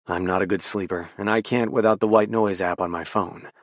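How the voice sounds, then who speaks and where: A man's voice: sits low, steady tone, fairly quick, no room sound, close to an everyday voice. A man voicing an earnest, awkward young man in close to his own plain voice. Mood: subdued.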